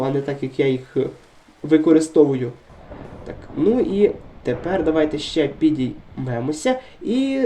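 Man with an illness-worn voice, chatty gameplay commentary. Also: fairly high pitch. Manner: chatty, excitable, repeats words when the action gets tense. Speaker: gaming video creator. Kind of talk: let's-play commentary.

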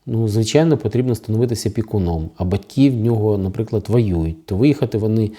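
A man's voice: fairly low pitch, fast talker, mellow. A man with a Ukrainian accent hosting his own legal channel, explaining new rules in a sarcastic, critical tone with many fillers. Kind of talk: direct-to-camera legal commentary.

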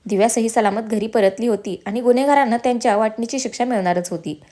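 A woman narrating a serialized family drama story with expressive storytelling. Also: fairly high pitch, quick pace.

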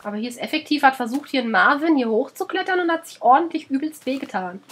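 A woman's voice: sits high, expressive, quick pace, a bit bright. A woman with a German accent, sick and under the weather, chatting her way through a let's play, scolding the animals in the game and swearing casually.

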